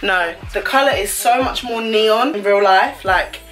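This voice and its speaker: A female fashion vlogger chats casually and gushes through a clothing try-on haul in a small indoor bedroom, adding slangy asides. Her mid-range voice is a bit bright and a little slow, captured from a distance by a camera on a stand a few feet away. The audio is poor, with soft background music.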